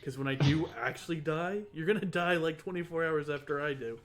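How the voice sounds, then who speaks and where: A man's voice: on the high side, fairly quick, slight background noise, close to an everyday voice. A man voicing a weary older man who scolds the party in an exasperated, sighing tone.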